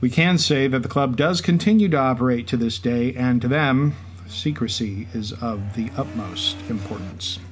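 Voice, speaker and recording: A man co-hosts a podcast, telling stories through light scripted banter. His mid-range voice moves at a normal speed and sounds natural, with background noise and ambience clearly audible.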